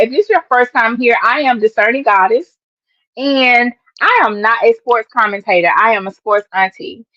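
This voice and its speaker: On her own live stream, a woman who loves sports chats casually and with emphasis, addressing viewers head-on. Her voice sits on the high side with a fairly bright tone and no echo, over dull lo-fi stream audio.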